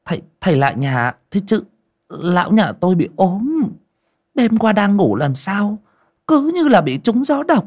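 A man's voice: sing-song, measured pace, a little mellow, heavily acted. A man voicing a sarcastic, nagging middle-aged village wife. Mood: fussing. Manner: scolding, sarcastic, shrill.

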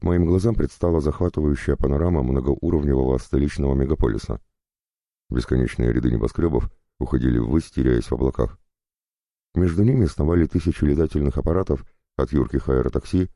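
A man's voice: a bass voice, fairly quick, vocal fry, mellow, no room sound, studio quality. A man reading a first-person story aloud as a scripted audiobook narration.

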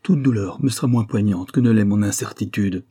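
A man's voice: fairly low pitch, fairly quick, mellow, husky, no room sound, clean studio sound. A man reading the part of a distraught young countess who pleads for the truth, in an urgent, pleading manner.

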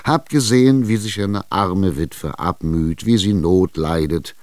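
A man's voice: fairly low pitch, very animated, unhurried, a little mellow, dry recording, clean studio sound, voice pushed up. A man playing a pushy, exasperated schemer. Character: impatient, scheming middle-aged male buyer. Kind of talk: radio drama reading.

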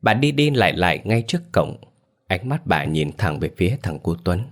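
A man reading a ghost story aloud in a steady, measured storytelling voice. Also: low voice. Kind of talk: scripted ghost story narration.

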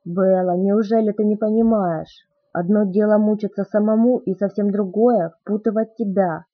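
A woman's voice: medium pitch, steady tone, normal speed, close to an everyday voice. A woman reading the lines of a brooding young male vampire, speaking in a muffled but insistent way. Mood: anguished. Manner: muffled, insistent, softly spoken. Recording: tinny phone-like audio.

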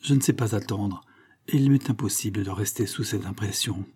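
A man's voice: lowish voice, fairly quick, mellow, breathy edge. A man reading the part of a resolute young woman refusing a suitor, in an earnest, formal manner. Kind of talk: audiobook reading.

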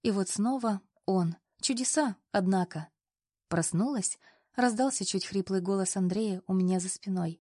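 A woman narrating a novel in the first person, with a lively and expressive reading. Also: medium pitch, moderate pace, dry recording, studio quality. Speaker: audiobook narrator.

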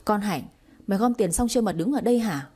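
Woman putting on a nasty older mother-in-law, shrill, fast, yelling at everyone, husky storybook voice. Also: lively intonation. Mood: scolding. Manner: shrill, scolding, rapid-fire.

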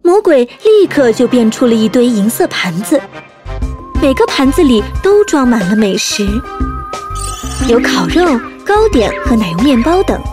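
A woman storyteller narrating a scripted children's story in an expressive way. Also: on the high side, moderate pace, over music.

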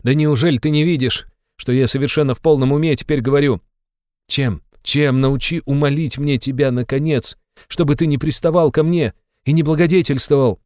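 A man's voice: lowish voice, normal speed, darkish tone, no room sound, clean studio sound, pitched above the performer's own voice, lightly acted. A man voicing a sick, irritable young man who speaks with cold, strained bitterness. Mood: bitter weary.

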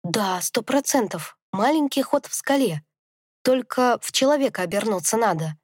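A woman narrating a first-person fantasy audiobook in a calm, reflective storytelling manner. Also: a little high, normal speed, dry recording, clean studio sound.

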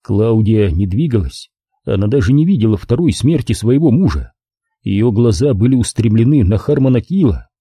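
Dark, husky male narrator, lively dramatic read, dry close mic. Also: on the low side, moderate pace, no room sound. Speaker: audiobook narrator.

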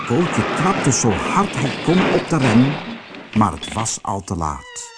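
A man narrating a children's storybook in an expressive, animated way. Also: mid-range voice.

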